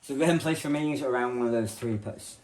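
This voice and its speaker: A man's voice: medium pitch, fast talker, a little mellow, a little hiss or hum. A man running a family tabletop game as game master, chatty and rambling with fillers. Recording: roomy echo.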